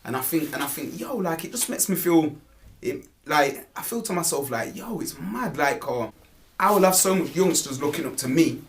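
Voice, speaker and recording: A man's voice: on the high side, animated, normal speed, slight background noise. Nottingham-accented man talking street slang. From Nottingham, England. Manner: repeatedly tags phrases with "you get me" and "innit". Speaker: rapper being interviewed. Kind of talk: casual interview talk in street slang.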